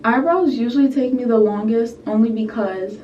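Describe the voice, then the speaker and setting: A woman's voice: a little high, moderate pace, far from the mic, lo-fi sound, noisy background. A young woman chatting casually through a makeup tutorial at home, full of fillers and asides, sounding a bit sick. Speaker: beauty vlogger. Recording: roomy echo, set back from the mic.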